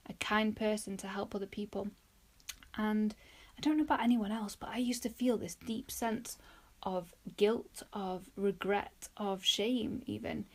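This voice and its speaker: A woman hosting a reflective solo podcast, speaking softly and musingly, often dropping into a near whisper. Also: medium pitch. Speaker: podcast host.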